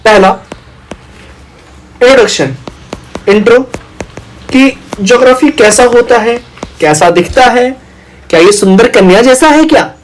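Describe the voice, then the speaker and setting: A man's voice: extremely high pitch, unhurried, pauses often, a little hiss or hum, rough recording. A young man teaching an online exam-prep lecture, talking playfully and teasing his students as their big brother.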